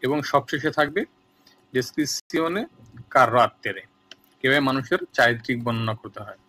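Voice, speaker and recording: A man teaching a vocabulary lesson, reading each word twice slowly and asking listeners to repeat aloud after him. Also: mid-range voice, pushed and bright. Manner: reads each word twice, slow and emphatic. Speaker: language teacher. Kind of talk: Italian lesson taught in Bengali.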